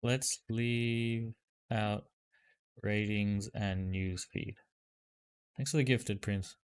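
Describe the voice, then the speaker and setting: A man hosting a livestream over a headset mic, chatting casually and loosely with lots of fillers as he greets viewers and tests software. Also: lowish voice, steady tone, extremely slow, clear, resonant tone. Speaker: livestream host. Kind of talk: casual livestream chat while testing software.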